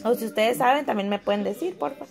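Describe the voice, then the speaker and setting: A woman's voice: fairly high pitch, fast talker, vocal fry, music in the background. A young woman, chatting casually to her viewers in a home kitchen vlog. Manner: chatty, talks to viewers as friends. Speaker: vlogger.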